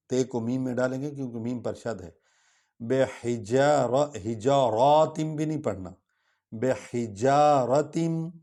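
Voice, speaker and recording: Calm male tajweed teacher, mellow voice. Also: medium pitch, gravelly. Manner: explains rules plainly, then recites verses slowly and drawn out. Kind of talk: tajweed lesson with slow chanted recitation.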